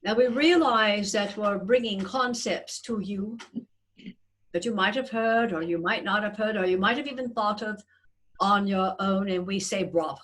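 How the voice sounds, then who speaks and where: In a low-quality recording, a woman with a medium-pitched, slightly bright voice channels in trance like a seance medium. Guiding her group session as one would a meditation, she uses deliberate, portentous, reassuring words.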